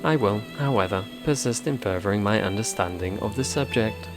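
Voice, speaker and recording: A stiff machine intelligence, read aloud by a man in a low voice, every phrase clipped and exact. It sounds literal-minded and formal. Loud game music plays underneath. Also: a little fast, close to an everyday voice. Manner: stiff, clipped, precise wording. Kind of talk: reading game dialogue aloud.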